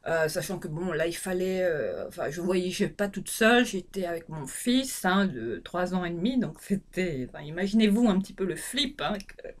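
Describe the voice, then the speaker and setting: A woman's voice: fairly low pitch, animated, normal speed. A woman from Réunion with a Réunion Creole French accent and a sing-song, lilting intonation, chatting hesitantly to her viewers as a vlogger, with many fillers and restarts. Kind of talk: casual chat to camera.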